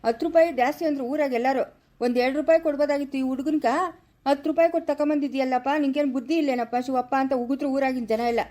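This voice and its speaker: A woman playing a stern old village father in a family comedy skit, scolding and taunting in rapid rural Kannada with a Chikkaballapura accent. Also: sits high, steady tone, dark tone, natural voice. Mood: mocking.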